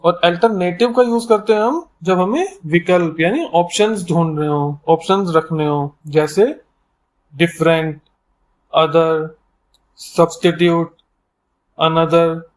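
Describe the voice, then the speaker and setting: A man's voice: fairly high pitch, a little slow. A man teaching English vocabulary, explaining each word step by step with everyday examples. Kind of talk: vocabulary lesson.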